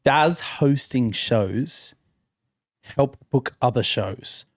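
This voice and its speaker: A man's voice: medium pitch, extremely slow, dry recording, studio quality. A man interviewing a comedian on a podcast, teasing and stammering in casual chat. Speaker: guest interviewer.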